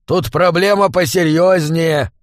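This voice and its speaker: Man doing a loud brash hitman. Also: a little high, fairly even intonation, a little slow, dry recording, studio quality, pitched above the performer's own voice, lightly acted. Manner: rough, yelling, crude. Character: brash male hitman, loud and trigger-happy.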